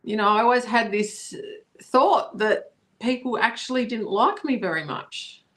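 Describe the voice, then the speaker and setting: A woman co-hosting a live video chat, speaking hesitantly with many pauses and restarts. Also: a little high, fairly bright tone. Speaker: co-host of a live wellbeing chat.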